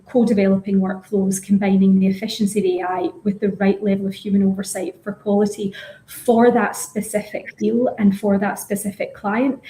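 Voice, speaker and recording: A woman explains her working approach as a panelist. Her voice is mellow and dark-edged, recorded with noticeable room echo. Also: mid-range voice. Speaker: legal professional, panelist. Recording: echoey room sound.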